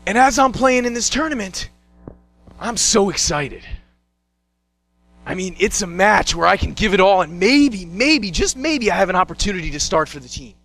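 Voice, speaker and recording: A young man performing a one-man show, telling a story in an animated way and acting out scenes and voices. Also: moderate pace, no room sound. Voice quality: bright, high-pitched voice. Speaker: solo stage performer.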